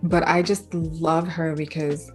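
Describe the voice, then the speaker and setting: A low-voiced young woman from Bangladesh talks thoughtfully about her art and writing in a relaxed interview. She speaks softly, with fillers and light laughs. Faint music plays in the background. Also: slow. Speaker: artist and writer, interview guest. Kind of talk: casual interview conversation.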